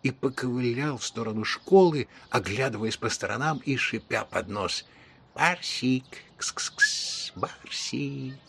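A man narrating a children's story in a measured, expressive reading voice. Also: medium pitch, a little hiss or hum. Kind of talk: audiobook storytelling.

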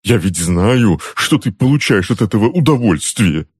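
A man's voice: on the low side, lively intonation, moderate pace, darkish tone, breathy edge, no room sound, clean studio sound, voice pushed up. A man voicing a pampered middle-aged uncle under a curse, who whines, pleads and wails in a raised, strained voice. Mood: furious. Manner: whining, pleading, wailing. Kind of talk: audiobook character voice.

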